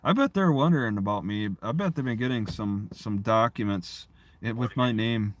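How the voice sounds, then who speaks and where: On a livestream, a man with a voice on the low side talks casually and rambles, halting as he repeats and restarts phrases. There is no room sound in the recording.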